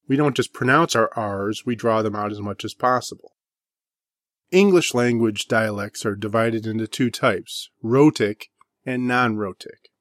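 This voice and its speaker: A man with an Inland North American accent giving a scripted book review, measured and slowing down to sound out example words. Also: fairly low pitch, a bit bright, dry recording, clean studio sound.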